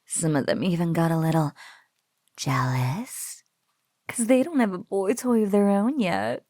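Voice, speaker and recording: In an intimate audio roleplay, a woman plays a female spider monster, cooing slowly and possessively over her captive as she teases and dotes. Her lowish, mellow voice is close, dry and breathy with no room sound, her gloating, playful drawl often sinking into whispers and broken by giggles.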